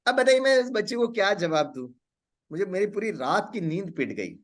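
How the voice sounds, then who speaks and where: A middle-aged man giving a storytelling talk at a spiritual session. His voice sits high for a man. He slips into slow, deliberate English phrases between Hindi sentences. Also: very animated. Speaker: spiritual speaker.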